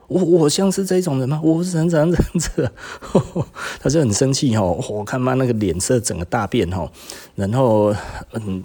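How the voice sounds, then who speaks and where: A man's voice: medium pitch, breathy edge. A man with a Taiwanese Mandarin accent, hosting a podcast and telling a story casually, often laughing and acting out the dialogue. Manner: animated, laughs often, acts out quoted dialogue. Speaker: podcast host.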